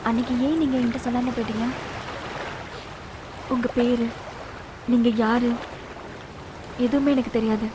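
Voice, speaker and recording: A woman's voice: on the high side, steady tone, normal speed, long pauses, noisy background, lightly acted. An actress playing an earnest young woman who grew up with her brother, speaking in heartfelt, pleading film dialogue. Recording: film audio with loud music. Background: loud background music.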